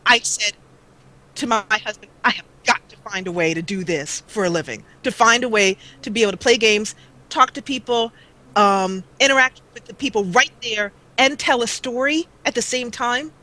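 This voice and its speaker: A bright-voiced, chatty woman in her forties guests on an interview as a let's player, rambling casually with many fillers. She speaks at a normal speed with a fairly high pitch. Audio is poor, coming through an old duct-taped mic that cuts out.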